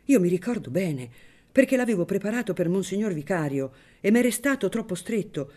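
A woman's voice: mid-range voice, big pitch swings, fairly quick, darkish tone, pitched above the performer's own voice. A woman reading an audiobook, voicing a startled middle-aged former hatter who speaks urgently and insistently.

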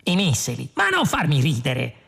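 A reckless, overconfident space adventurer who blusters and shouts with glee, voiced by a man reading the story. The voice is pushed well above the reader's own and stays rough and husky. Faint music runs underneath. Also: a little high, huge pitch swings, normal speed, full character voice. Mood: excited bluster.

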